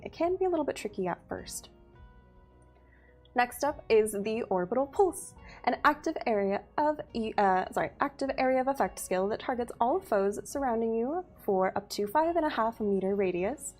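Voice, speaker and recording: Presenting game update details on a livestream, a community manager speaks in a slightly high, slightly mellow voice. She's upbeat and giggly while reading the skill details steadily.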